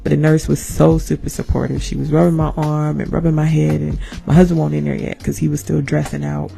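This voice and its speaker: A woman in her thirties hosting a podcast, telling a birth story as a lively monologue, acting out the people in it and calling her listeners "y'all". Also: sits low, fairly quick, vocal fry. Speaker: podcast host.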